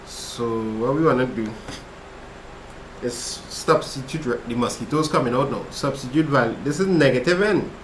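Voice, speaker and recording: Tutoring maths in a casual livestream study session, a man with a Trinidadian accent chats with viewers between steps, reading chat aloud as he works problems in a relaxed, chatty way. His mid-range voice runs at normal speed. The audio is poor, from an echoey room with slight background noise.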